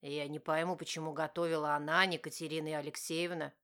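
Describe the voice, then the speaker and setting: A harsh, domineering young husband who growls and barks his words, as a woman reading the audiobook puts him on. The voice sits low and rough, snapping out short, bitter lines. It is a storybook reading, not a studio drama. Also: level tone, quick pace, sharp tone. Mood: angry.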